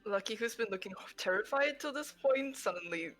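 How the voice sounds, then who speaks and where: A woman playing a tabletop role-playing game, asking questions in an excitable, giggly way. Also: on the high side, brisk, soft background music. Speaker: player. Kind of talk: casual tabletop play.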